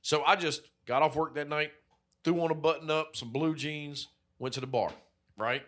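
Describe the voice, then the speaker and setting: Speaking at a normal speed, a man with a fairly high, slightly bright voice and fairly even intonation co-hosts a podcast. He rambles through stories in profane casual chat, swearing heavily and filling gaps with "like."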